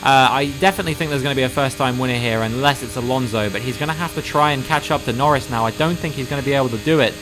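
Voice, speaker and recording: A gaming YouTuber with a medium-pitched voice commentates his own race live, listing positions quickly. Crashes and incidents make him noticeably louder and more excited.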